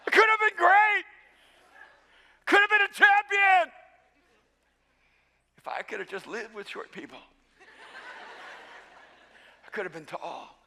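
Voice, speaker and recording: Slow and full of pauses, this Salvadoran preacher's very high, piercingly bright voice echoes through a long hall reverb. He sounds like a pastor in the thick of a sermon: lively, self-mocking, and prone to stumbling and restarting.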